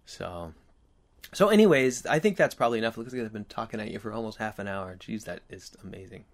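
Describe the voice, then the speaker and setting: A man chatting casually to his viewers as host, earnest and reflective, with halting, rambling phrasing and a slight whistle on his s sounds. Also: on the low side, lively intonation. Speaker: video host.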